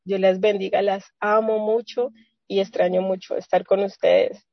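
A woman's voice: medium pitch, little pitch movement, moderate pace, vocal fry, no room sound. A woman sharing an earnest, rambling faith testimony with women of her church on a video call, with many restarts. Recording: dull lo-fi video call audio.

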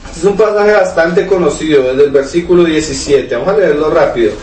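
A man's voice: on the high side, brisk, darkish tone. A man preaching a sermon, asking rhetorical questions and reading scripture aloud to his listeners. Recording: echoey room, mic at a distance, faint noise.

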